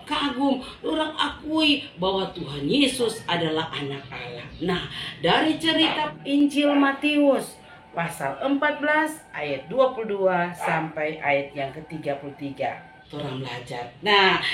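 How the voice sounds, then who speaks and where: A woman with a Manado Malay accent, telling a Bible story to children in an animated way and asking them questions. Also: high voice, slight background noise. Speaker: Sunday school teacher. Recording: echoey room.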